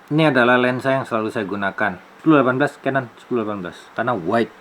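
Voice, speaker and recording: A man's voice: medium pitch, rapid-fire, noisy background. A man in his late forties explaining his camera gear in a casual vlog, chatty and demonstrative, talking close to a camera-mounted mic indoors. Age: 40s. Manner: chatty, demonstrative, thinks aloud with fillers. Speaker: YouTuber reviewing camera gear. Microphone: camera-mounted microphone close to speaker.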